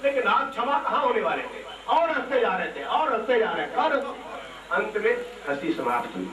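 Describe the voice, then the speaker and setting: A man's voice: high voice, sing-song, moderate pace, crowd noise. A man telling a devotional story as a religious storyteller, emphatic and asking rhetorical questions. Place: temple hall. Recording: echoey hall, distant mic, noisy.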